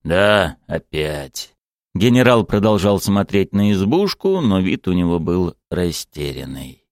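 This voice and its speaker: A man narrating an audiobook in an expressive storytelling manner. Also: low voice, normal speed, no echo, studio quality.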